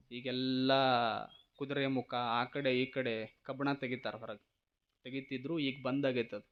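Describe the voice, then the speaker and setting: North Karnataka preacher man, lively, lo-fi. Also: medium pitch. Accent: North Karnataka Kannada. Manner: lively, teasing rhetorical questions. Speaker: spiritual preacher. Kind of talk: storytelling sermon.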